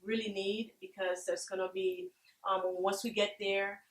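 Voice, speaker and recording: A woman from Haiti who founded a charity, answering interview questions earnestly, halting with many fillers. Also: mid-range voice, level tone. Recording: echoey room.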